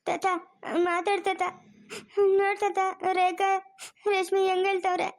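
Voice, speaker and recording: Woman playing weepy little girl for a cartoon, very high, sobbing pleas. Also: flat delivery, slow pace, full character voice. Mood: tearful pleading. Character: young granddaughter, tearful and pleading.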